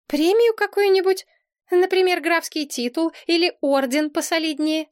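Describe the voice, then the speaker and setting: Storybook princess, small and bossy, read by a woman; high, dry. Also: big pitch swings, unhurried, dry recording. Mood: exasperated. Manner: commanding and indignant. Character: bossy young princess girl, quick-tempered.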